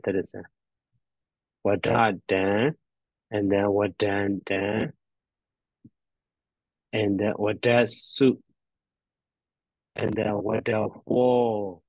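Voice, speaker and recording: A man teaching grammar as he recites word forms, halting and repetitive as he thinks aloud. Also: fairly low pitch. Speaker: teacher, addressed as a Buddhist monk. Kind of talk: grammar lesson on verb endings, reciting forms. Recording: dull, roomy lo-fi audio.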